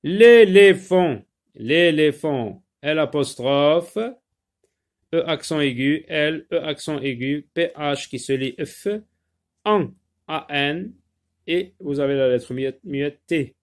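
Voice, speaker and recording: A man's voice: fairly high pitch, slow pace. A man teaching a French spelling lesson, spelling out words letter by letter and stressing each dictated word. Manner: addresses pupils and parents directly.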